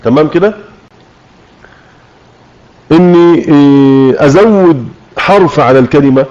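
A man with an Egyptian accent teaching a religious lesson, explaining with questions to his listeners and slowing down to demonstrate recitation. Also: on the high side, a little mellow. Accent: Egyptian Arabic. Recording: muffled lo-fi online audio room.

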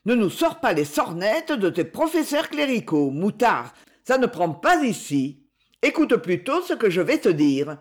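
A sardonic, scheming young man, put on by a woman reading an audiobook, talks with a mocking edge. His voice moves with lively, knowing sneers. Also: medium pitch, unhurried.

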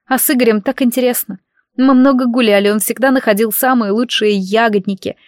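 A woman's voice: fairly high pitch, steady tone, fairly quick, no echo, clean studio sound, lightly acted. A woman reading the lines of a tearful teenage girl from a village who keeps crying while she talks. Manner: sobbing, pleading.

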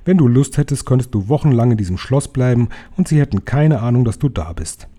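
A spirited, determined old grandmother, put on by a man with a dark, husky voice that jumps higher when she gets excited. She exclaims her plans with emphasis, stubborn and full of energy. It sounds like a bedtime storybook reading. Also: a little fast, lightly acted. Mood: dismissive.

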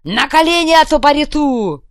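Brief: woman playing a one-eyed thug boss, barking high and loud threats, dry close sound. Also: animated, no room sound. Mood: bellowing threats. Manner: shouted threats, drawn-out barking. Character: one-eyed brutal male gang boss, bellowing, threatening.

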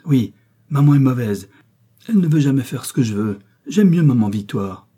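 A man voicing a small sulky boy who whines and shouts through tears. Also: medium pitch, animated, normal speed, slightly rough, pitched above the performer's own voice. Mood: whining tearful. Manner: whiny, shouting.

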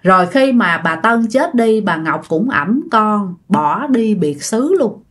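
A woman's voice: medium pitch, lively intonation, slow pace. A woman narrating a ghost story and chatting directly to her listeners.

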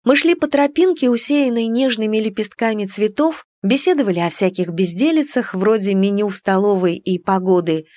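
A woman narrates a first-person fantasy novel in an even, measured way. Her voice sits at a middling pitch and is recorded dry and close, with no room around it. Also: dry recording. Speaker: audiobook narrator.

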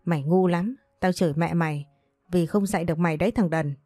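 Hot-tempered older father, shouting and scolding, slightly low and dark, read by a woman. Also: fast talker, dry recording, clean studio sound, faint music behind, close to an everyday voice. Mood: furious.

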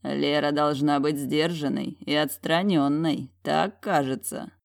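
A woman voicing a smug, teasing dragon general who speaks in a slow, low whisper. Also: fairly even intonation, vocal fry, dry recording, studio quality.

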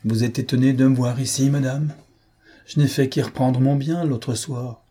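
A brazen, sardonic scoundrel in rags, as a male reader puts him on, booming and mocking. The voice is lifted above the reader's usual low register and pushed loud, keeping a husky, warm grain. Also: steady tone, moderate pace, lightly acted. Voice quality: thundering, mocking. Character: sardonic, brazen ragged rogue, a man. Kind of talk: audiobook character voice.

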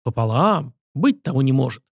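A man's voice: medium pitch, sing-song, moderate pace, breathy edge, no room sound, dull audio. A man voicing a skeptical train conductor who asks doubtful, probing questions.

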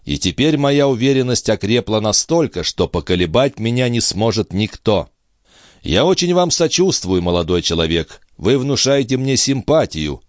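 Man reading a stern calm doctor in an audiobook, kinda low voice, measured and insistent. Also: no room sound, studio quality. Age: middle-aged. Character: stern middle-aged male doctor, calm and firm.

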